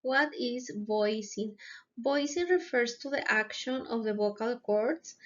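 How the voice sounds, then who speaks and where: A woman narrates a lesson over slides, taking her time and often stopping to hesitate. Her voice sits fairly high, and she speaks very slowly. The recording sounds dull and lo-fi. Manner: slow, careful explanation with frequent hesitations. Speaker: presenter explaining phonetics.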